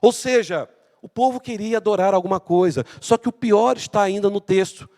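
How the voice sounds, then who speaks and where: High-voiced Brazilian pastor preaching. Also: male voice, a little mellow, in a large hall. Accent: Brazilian Portuguese. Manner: reads scripture slowly, asks rhetorical questions. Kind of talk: sermon, Bible study.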